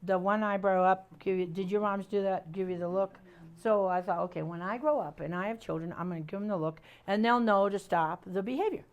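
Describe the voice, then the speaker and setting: An older woman giving an animated training talk to parents, telling stories and acting out voices as she explains. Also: medium pitch, brisk, muffled recording. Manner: lively storyteller, acts out voices.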